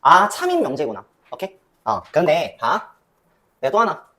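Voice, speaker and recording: A woman's voice: sits low, normal speed. Young woman math teacher, rising and falling voice, quizzes and answers herself. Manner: lively, asks and answers her own questions. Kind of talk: classroom lecture.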